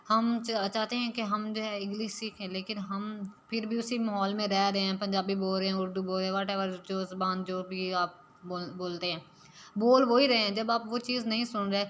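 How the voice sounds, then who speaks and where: A woman gives a spoken-English lesson at a middling pitch. She explains patiently, step by step, and drops English phrases into her sentences. A faint hiss sits under the recording. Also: fairly bright tone. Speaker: English teacher.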